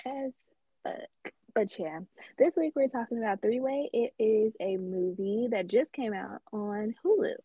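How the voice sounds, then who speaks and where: A woman co-hosting a casual podcast with a husky, slightly breathy voice pitched a bit high. She teases her co-host and giggles easily, keeping things loose. The sound is dry and close, with no room around it. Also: a little slow, no room sound, phone-quality sound. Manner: giggly, teasing, loose and informal. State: tipsy from wine. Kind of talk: casual chat.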